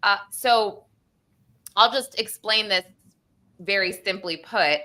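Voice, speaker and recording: This co-host of a relaxed true crime discussion is a woman from the American Northeast with an American accent, chatting informally. She speaks slowly at a medium pitch, her voice pushed and bright.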